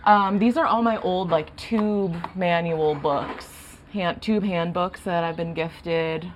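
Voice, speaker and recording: A woman's voice: on the low side, slow pace, a little hiss or hum. A woman who runs an amp repair shop, chatting casually and giving short, easygoing answers in an interview. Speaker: amp technician and shop owner.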